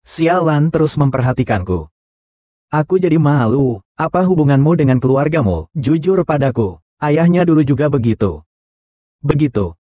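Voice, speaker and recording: A man voicing all the roles of a dubbed short drama in the same flat, even delivery, recorded close on a studio mic. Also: on the high side, moderate pace, pauses often, no echo.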